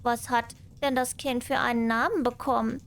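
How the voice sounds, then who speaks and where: A woman's voice: on the high side, steady tone, moderate pace, gravelly, pitched above the performer's own voice. A woman voicing a small, trusting female mouse in a fairy tale, earnest and inquisitive. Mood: puzzled.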